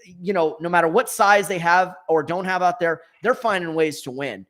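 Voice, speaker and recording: Sports co-host, a man with a fairly high voice, rambling and self-correcting picks. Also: normal speed, a bit bright. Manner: thinks aloud, self-correcting. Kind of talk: casual sports talk.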